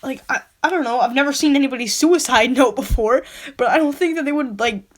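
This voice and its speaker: A young woman who reviews stories online, reading one aloud and breaking off with quick, incredulous questions. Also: high-pitched. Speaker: online story critic. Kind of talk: casual reading and critique.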